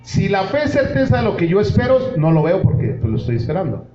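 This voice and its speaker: A man's voice: high voice, very animated, fast talker, warm tone, soft background music. A man preaching a sermon as pastor, speaking with fervor and addressing the congregation directly. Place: church hall. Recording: roomy, dull church recording.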